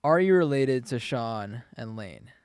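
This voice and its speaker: A man co-hosting a relaxed podcast chat, spinning a rambling story full of filler words. His voice sits in a middle pitch and is recorded close and dry, with no room sound around it. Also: measured pace, clean tone, no room sound. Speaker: podcast co-host. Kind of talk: casual chat.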